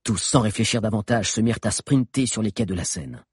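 A man narrating an adventure audiobook with an expressive, dramatic reading. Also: lowish voice, fairly quick, breathy edge, no echo, clean studio sound. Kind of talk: scripted narration.

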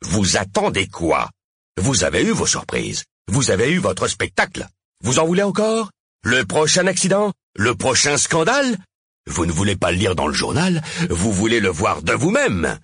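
A man's voice: very deep voice, lively intonation, moderate pace, gravelly, bright, forceful tone, husky, no echo, studio quality, exaggerated voice. A man voicing an enraged mayor who lashes out at the crowd with contempt in a storybook reading. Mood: furious contempt. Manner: harsh, contemptuous outbursts. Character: furious small-town male mayor dismissing crowd.

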